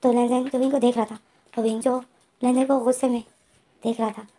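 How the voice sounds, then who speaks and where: A woman's voice: a little high, level tone, a little fast, mellow. A woman with a Hindi accent casually retelling a fan fiction story, voicing both characters' lines herself and talking directly to her listeners.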